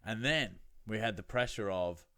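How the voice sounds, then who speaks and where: Casting: Australian male host, fairly low voice, dry close sound, slangy laddish solo chat. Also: normal speed, pushed and bright, clean tone, no echo. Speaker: fantasy football show host. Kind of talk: casual solo chat with anecdotes.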